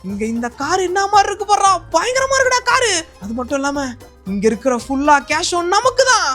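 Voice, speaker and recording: Fast, high-voiced excitable woman gamer. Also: faint music behind. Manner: chatty, teasing, excitable. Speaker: gaming channel host. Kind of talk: playful game voiceover commentary.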